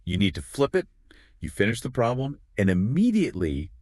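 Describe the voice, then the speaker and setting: A very deep male voice that rises and falls expressively as he co-hosts an explanatory podcast. He speaks with confidence and lays out ideas in clear steps. The sound is dry and close, with no room around it. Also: wildly swooping pitch, brisk, a little mellow, no room sound. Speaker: podcast co-host.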